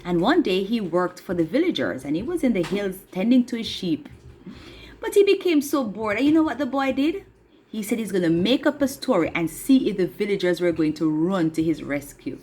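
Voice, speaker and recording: A woman telling a children's story with a puppet, lively and asking the young audience questions. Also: medium pitch, moderate pace, slightly rough. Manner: animated, addresses children directly with questions.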